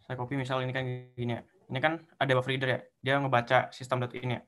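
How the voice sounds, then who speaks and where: A man's voice: mid-range voice, monotone, quick pace, a bit bright. A young man teaching assistant explaining code step by step in an online tutorial. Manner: explains step by step, counting through indexes.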